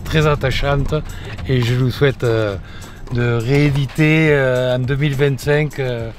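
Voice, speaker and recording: A man's voice: medium pitch, fairly even intonation, measured pace, faint music behind. A man driving the shuttle, speaking modestly and politely in a moving car. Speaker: shuttle driver. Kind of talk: casual chat.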